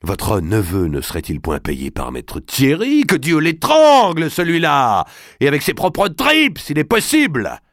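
A man's voice: deep voice, wildly swooping pitch, a little slow, hardly any pauses, darkish tone, no room sound, studio quality, exaggerated voice. A man reading an audiobook and voicing a grand, imperious nobleman who speaks in a declamatory, commanding way.

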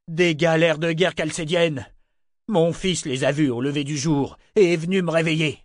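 A flustered middle-aged merchant, voiced by a man reading an audiobook, barks urgent commands in a raised, strained voice. He sounds alarmed and bossy, pushing his words out loud. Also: on the high side, no echo, studio quality, voice pushed up, close to an everyday voice. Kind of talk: audiobook character voice.

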